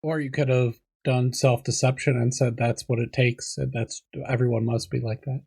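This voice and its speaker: A man's voice: medium pitch, level tone, normal speed, vocal fry, a little mellow, slightly rough. A man interviewing casually, asking probing follow-up questions in a chatty, inquisitive way.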